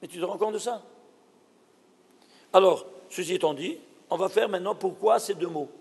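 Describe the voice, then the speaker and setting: Rabbi teaching a class: very high, husky voice, emphatic, keeps quizzing the room. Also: male voice, normal speed, in a large hall. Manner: emphatic, fires rhetorical questions at listeners. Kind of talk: recorded Torah lesson.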